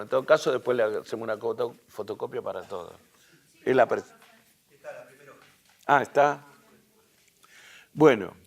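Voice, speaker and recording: A hoarse man with an Argentine accent lecturing a university class, halting and restarting as he thinks aloud, with tag questions. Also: mid-range voice. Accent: Argentine Spanish.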